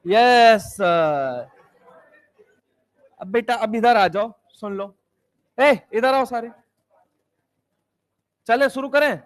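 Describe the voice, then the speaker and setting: A young man teaching chemistry in a lively classroom lecture, firing repeated questions and teasing his students. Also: extremely high pitch, takes it slowly, pauses often. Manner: repetitive call-and-response questioning.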